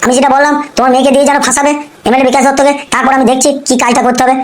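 In an amateur comic cartoon, a woman voices a short-tempered, foul-mouthed male gangster boss who blusters menacingly and repeats his curses. Her voice sits high with little pitch movement, delivered rapid-fire and lightly acted.

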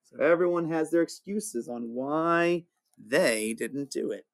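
A man, a teacher, reading a rhyming picture book aloud with an expressive, sing-song delivery. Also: fairly high pitch, slow pace, vocal fry.

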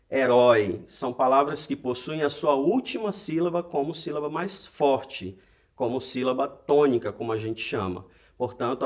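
A man from Brazil giving a recorded lesson as a teacher, explaining step by step and addressing viewers directly. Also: medium pitch. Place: educational studio.

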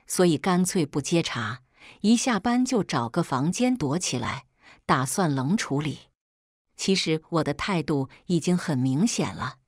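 A woman's voice: fairly low pitch, a little mellow, dry recording, clean studio sound. A woman narrating a first-person story in a conversational, exasperated storytelling manner.

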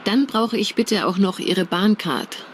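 A woman's voice: medium pitch, unhurried, slight background noise, natural voice. A woman acting a polite, official train conductor in a scripted language-exam dialogue.

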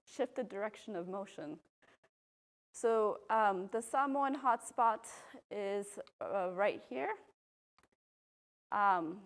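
A Belgian volcanologist, female, delivers a public talk from a university podium with a microphone, sounding at ease and sprinkling in many ums. Her pitch is medium, and a faraway camera filmed her.

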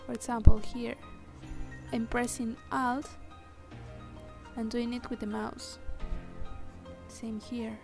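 Her voice sits a little high, stays fairly level in pitch, and has a creaky quality. A native Spanish speaker with a Spanish accent, she makes a screen-recorded software tutorial, narrating slow, careful steps with hesitant fillers as a voice-over over underlying music.

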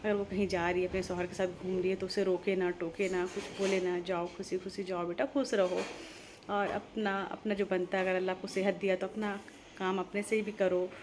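A woman's voice: mid-range voice, level tone, brisk, background noise. Earnest pleading woman vlogger. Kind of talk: heartfelt monologue to camera.

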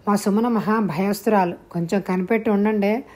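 A friendly family man from a spoken storybook, talking in a chatty, easy way, as a woman narrator puts him on. His tone is warm and familiar. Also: high voice, fairly even intonation, moderate pace.

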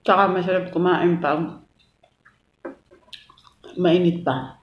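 A woman's voice: fairly low pitch, slow pace. A woman from the Philippines chatting casually in an eating vlog while chewing food. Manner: relaxed, chatty, switching between languages. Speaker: mukbang vlogger. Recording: echoey room, muffled sound, clinking dishes.

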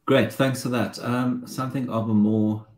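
A man's voice: medium pitch, steady tone, normal speed, darkish tone. Roomy-sounding man moderating questions. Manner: hesitant, reads out questions. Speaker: meetup moderator reading questions. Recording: roomy echo.

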